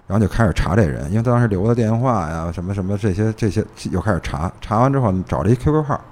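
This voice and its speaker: A man's voice: on the low side, lively intonation, quick pace, darkish tone. A man with a Beijing accent telling stories casually, repeating phrases and tossing in rhetorical questions. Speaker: police officer guest telling case stories. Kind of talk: casual anecdotal storytelling.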